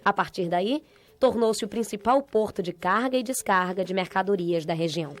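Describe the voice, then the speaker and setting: A woman reading a scripted documentary narration in a measured, informative voice. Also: mid-range voice. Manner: measured, even informative delivery. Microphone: studio voice-over. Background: background music.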